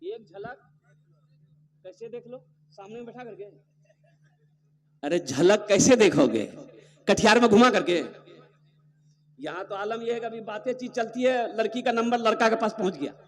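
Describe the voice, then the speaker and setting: A man giving a humorous sermon at a public gathering. He swings between loud exhortation and low asides, and quotes dialogue in changed voices. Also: animated, moderate pace, pauses often. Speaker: preacher.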